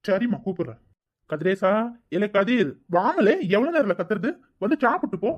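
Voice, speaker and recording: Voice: medium pitch, sing-song, normal speed. Voice actor doing a caring elder brother. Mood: coaxing. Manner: coaxing, soothing. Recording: dull lo-fi recording.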